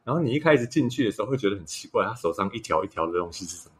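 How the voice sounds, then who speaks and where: A man with a Taiwanese Mandarin accent co-hosts a relaxed podcast. His voice sits fairly low, and he tells anecdotes in easy casual chat with frequent laughter. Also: rapid-fire. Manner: laughs often, storytelling. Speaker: podcast co-host.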